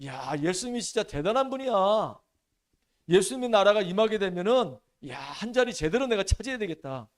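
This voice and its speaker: Man doing bragging male disciples, excited, loud, swaggering, high voice. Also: moderate pace. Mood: boastful.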